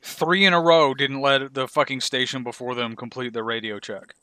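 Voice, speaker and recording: A man in casual gaming voice chat with his squad. His voice is middle in pitch with a bright, forceful edge, and he talks like a player in a military game. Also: fairly even intonation, moderate pace.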